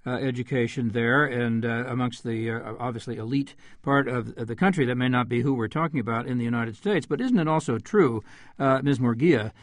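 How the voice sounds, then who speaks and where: Male radio host, halting, lots of uhs, dry studio sound. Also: mid-range voice, no echo. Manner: halting, stumbles over names, many fillers. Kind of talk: radio panel moderation.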